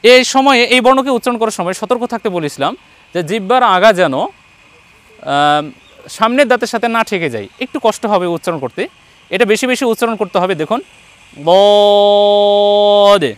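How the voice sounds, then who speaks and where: High-voiced patient Bengali male teacher. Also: animated, a bit bright, no echo. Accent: Bangladeshi Bengali. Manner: patient, encouraging, repeats each letter slowly. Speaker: Quran teacher. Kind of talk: online lesson on letter pronunciation.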